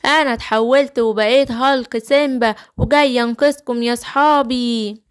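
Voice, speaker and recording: Sweet brave lion cub, lady voicing him, egyptian arabic, highish earnest kids' story voice. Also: steady tone, normal speed, clean tone, soft background music, close to an everyday voice. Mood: heroic. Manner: earnest, eager storybook hero. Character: young male lion cub hero, kind and brave.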